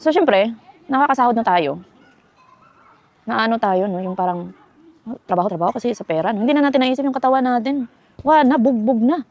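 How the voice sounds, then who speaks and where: A woman's voice: fairly high pitch, brisk, long pauses, a little mellow, dull audio. A young woman from the Philippines chatting casually to her viewers from home in a life-update vlog, rambling with fillers and self-corrections. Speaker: vlogger.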